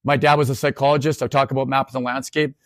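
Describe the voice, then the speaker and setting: A man from northern Saskatchewan giving a storytelling keynote talk as an educator, animated, with frequent restarts and acted-out dialogue. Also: medium pitch, fast talker, dry recording, studio quality.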